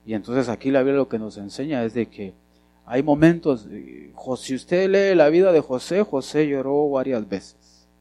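A man preaches a sermon at a mid pitch. He keeps putting questions to the congregation and moves between loud and soft as he builds his points. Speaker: pastor.

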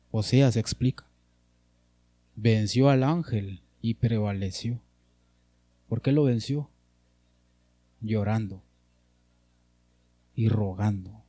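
Preacher guy, fervent, repeats and pleads, dark mellow voice, dry sound. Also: fairly low pitch, dry recording. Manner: fervent, repetitive pleading, drops soft at ends. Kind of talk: sermon.

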